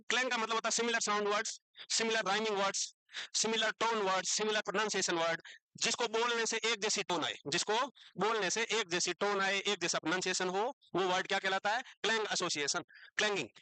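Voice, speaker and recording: A man teaches a class in a high, bright voice, recorded close and dry. He keeps asking the students questions and answering them himself, and teases them now and then. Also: clean tone, no room sound, low-quality recording. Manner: teasing, asks the class questions and repeats answers. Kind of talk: classroom lecture.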